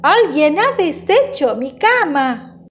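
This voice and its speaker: A woman's voice: sits high, sing-song, takes it slowly, pitched above the performer's own voice, heavily acted. A woman doing an irritated, scolding mama bear. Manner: sharp, exasperated complaints. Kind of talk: storybook voice acting.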